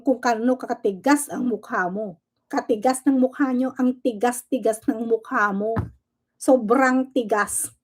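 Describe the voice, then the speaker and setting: A woman hosting her own livestream, ranting sarcastically at a rival and firing off rhetorical questions, with English words mixed into her talk. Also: sits high. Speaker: livestream host. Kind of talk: casual livestream rant.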